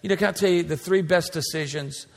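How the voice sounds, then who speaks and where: A man's voice: a little high, fast, gravelly. A pastor in his forties preaching a sermon in a church, with an emphatic, repetitive cadence. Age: 40s. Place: large church sanctuary. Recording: church hall reverb.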